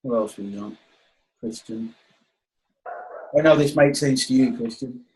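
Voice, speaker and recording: A man's voice: mid-range voice, a little slow, darkish tone, slight background noise, rough recording. East Anglian man coaching informally. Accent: Norfolk, East Anglian English. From Norfolk, England. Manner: matey, informal address. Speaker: webinar host and coach. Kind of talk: informal online coaching session with questions. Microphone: online webinar call.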